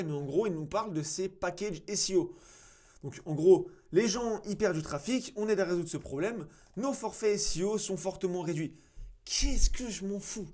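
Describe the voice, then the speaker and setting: A man's voice: a little high, warm tone. A man, an agency founder giving blunt, sarcastic commentary on a cold email, with many fillers and restarts. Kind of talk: casual commentary to camera.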